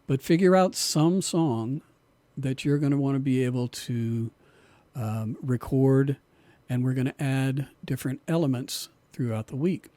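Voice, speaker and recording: Relaxed man teaching a recording class. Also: medium pitch, unhurried, dry recording. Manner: relaxed, repeats words while explaining. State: losing his voice. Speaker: music production instructor. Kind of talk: online class lecture.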